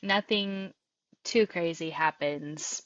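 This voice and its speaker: A woman's voice: lowish voice, slow pace, no room sound. Easygoing woman co-host, dull dry sound. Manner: easygoing, laughs along between lines. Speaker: podcast co-host. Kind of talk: casual chat.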